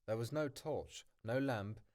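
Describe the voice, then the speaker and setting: Reading a novel aloud as a hobby, this man produces an amateur audiobook at a measured pace, his medium-pitched voice carrying a darkish tone. He often stumbles, restarting and correcting words, and makes remarks on the text.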